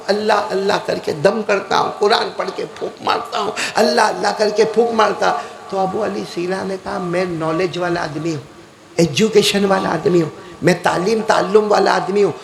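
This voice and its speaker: Animated high-pitched preacher, gravelly. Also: male voice, background noise. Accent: Pakistani Urdu. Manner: animated, calls out to the audience, shouts and laughs often. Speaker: Islamic preacher. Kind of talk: storytelling sermon to a crowd.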